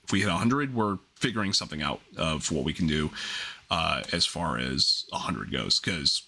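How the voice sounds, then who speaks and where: A man's voice: a bass voice, expressive, normal speed, vocal fry, pushed and bright. A man hosting a livestream in casual gaming chat, rambling and often interrupting himself as he gets sidetracked. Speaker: livestream host.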